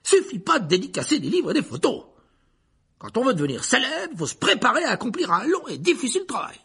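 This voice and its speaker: A man voicing a vain, evasive male wizard teacher who stammers, with nervous laughs and fillers, in a gravelly husky voice. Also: very high-pitched, sing-song, fast talker, fairly bright tone, pitched above the performer's own voice, heavily acted. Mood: boastful.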